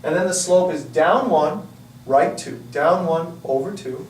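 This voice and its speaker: Casual male math teacher walking through a lesson, a bit high-voiced, recorded from across an echoey room. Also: a little slow, a little mellow. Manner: chatty, self-correcting, lots of "uh" and "you know". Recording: roomy echo, distant mic, faint hiss.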